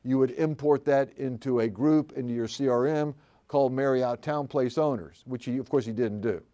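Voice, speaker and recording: At a live seminar, an older man instructs commercial real estate agents, swapping folksy anecdotes and putting questions to the audience. His voice is medium-pitched and warm, and he speaks at a normal speed.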